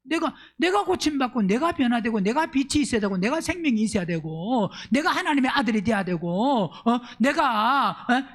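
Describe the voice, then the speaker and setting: Lively high-pitched male pastor preaching. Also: normal speed, few pauses. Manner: fires rhetorical questions at the congregation; swings between loud emphatic bursts and low asides. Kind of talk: Sunday sermon.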